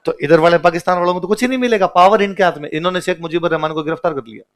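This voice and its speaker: A man lecturing a class in a slightly high-pitched voice. He tells history in easy everyday words, stopping often to ask the class a question and then answering it himself. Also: very fast, fairly bright tone. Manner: casual, colloquial storytelling. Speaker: history teacher.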